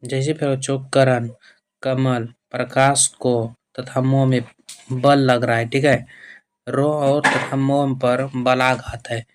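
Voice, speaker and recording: A male teacher giving a board-exam grammar lesson. He repeats himself, calls his students dear children, asks questions and answers them himself. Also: medium pitch. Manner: repetitive, keeps addressing students fondly and checking with "okay".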